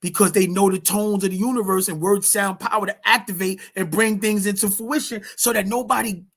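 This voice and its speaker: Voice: medium pitch, fairly even intonation, fairly bright tone. A reader leading a study session, reading passages aloud and then explaining them in casual speech. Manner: slow, deliberate delivery. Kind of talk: reading a text aloud with commentary.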